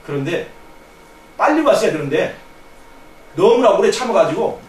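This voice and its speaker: High-voiced man preaching in echoey church. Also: very animated, moderate pace. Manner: earnest storytelling, swinging from hushed to raised. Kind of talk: sermon testimony. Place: church hall. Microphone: distant room mic on a live stream. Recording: echoey church from a distance, faint noise.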